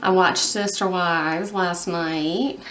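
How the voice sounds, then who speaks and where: A woman's voice: on the low side, steady tone, takes it slowly, a bit bright, soft background music. Chatty woman vlogging while painting nails. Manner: chatty, rambling, many fillers. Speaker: beauty vlogger.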